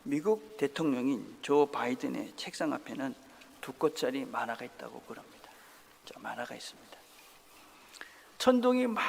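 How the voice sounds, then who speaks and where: A pastor preaching an impassioned sermon, swinging between loud, urgent stretches and hushed ones, in a church sanctuary. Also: male voice, medium pitch, vocal fry, husky. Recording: long reverb of a church hall.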